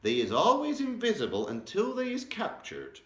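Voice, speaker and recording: A big, excitable old giant played by a man reading aloud, his voice pushed up high and loud, tumbling over twisted grammar and invented words. The delivery swings lively and drawn out, ringing in an echoey room. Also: moderate pace. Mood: explaining. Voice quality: mangled grammar and made-up words, loud exclamations.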